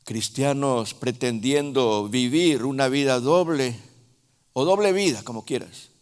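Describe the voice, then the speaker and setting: Slow, emphatic man preaching in a hall. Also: mid-range voice, clear, resonant tone. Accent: Honduran Spanish. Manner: slow, emphatic preaching with sudden loud rises and soft drops. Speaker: apostle preaching. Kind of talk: sermon. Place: large church hall. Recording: reverberant church hall.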